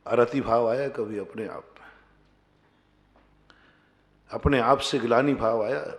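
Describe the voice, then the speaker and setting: Preaching Jain monk in an echoing hall. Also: male voice, fairly even intonation, slow pace. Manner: rhetorical questions to the audience, rising to emphatic outbursts then dropping low. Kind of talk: sermon. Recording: long hall reverb.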